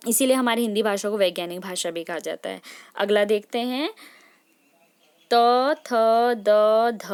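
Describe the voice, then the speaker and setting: A woman teaching a class of children, patient and encouraging. She keeps checking in with her pupils and has them repeat sounds aloud after her, and her voice sits in a middle pitch. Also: clear, resonant tone. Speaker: Hindi teacher. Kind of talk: classroom lesson.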